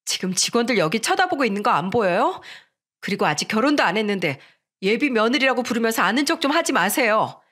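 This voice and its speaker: A woman's voice: on the high side, big pitch swings, quick pace. A woman voicing a curt, snappish young bride-to-be in a narrated radio story. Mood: rude. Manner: curt and sharp.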